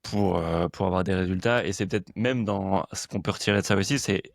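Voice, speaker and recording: A man's voice: low voice, fairly quick, gravelly, no echo, clean studio sound. A man hosting a casual podcast conversation and coaching, talking in a hesitant, laid-back way with many fillers.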